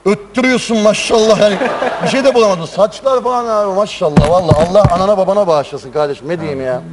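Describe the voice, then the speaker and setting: A man's voice: high voice, fast talker. A man hosting a live show with informal, teasing banter, joking with the participants. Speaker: show host. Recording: live show, music and crowd behind. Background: music and a lively crowd.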